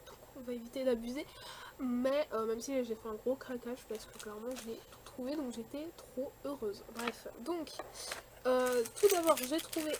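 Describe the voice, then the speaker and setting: Chatty young Frenchwoman, higher voice. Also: a little hiss or hum. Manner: chatty, many fillers and restarts, quick likes and dislikes. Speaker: vlogger showing a shopping haul. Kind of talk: casual chat.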